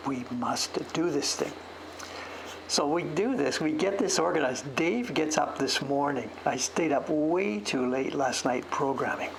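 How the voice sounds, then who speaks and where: A streamer who carves woodblock prints chats casually on his livestream as he works, rambling, putting himself down and chuckling through a story. His mid-range voice has vocal fry, and the poor audio carries a little hiss or hum.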